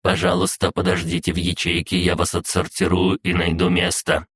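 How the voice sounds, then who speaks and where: A man's voice: low-pitched, monotone, moderate pace, fairly bright tone, husky. A man voicing a polite, deranged male spider robot guard with a courteous, mechanical, insistent manner.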